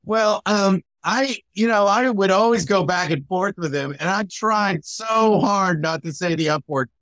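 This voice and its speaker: High-voiced chatty man recalling gigs. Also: measured pace, a bit bright, no echo. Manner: chatty, lots of "you know". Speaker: comedian guest. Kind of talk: casual chat.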